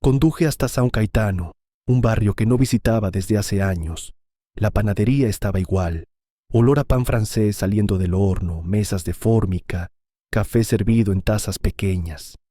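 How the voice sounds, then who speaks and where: A man narrating a first-person dramatic story in a measured, unhurried scripted reading. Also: on the low side, warm tone, no room sound, studio quality.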